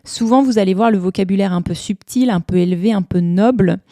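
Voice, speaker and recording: A woman's voice: mid-range voice, brisk, warm tone, no room sound, studio quality. A woman hosting a podcast lesson, patiently explaining an English poem word by word and asking the listener questions. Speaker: language teacher and podcast host.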